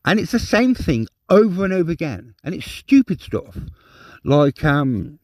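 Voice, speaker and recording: Guy ranting to camera, high swoopy voice all over the place, real dry sound. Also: big pitch swings, measured pace, darkish tone, dry recording. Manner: ranting, repetitive, swearing, emotional outbursts. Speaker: vlogger. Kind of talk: agitated personal monologue.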